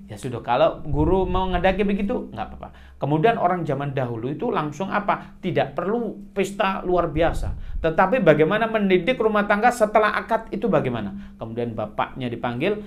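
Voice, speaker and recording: A man preaching a storytelling sermon, animated and often putting questions to the audience. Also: a little high, a little fast.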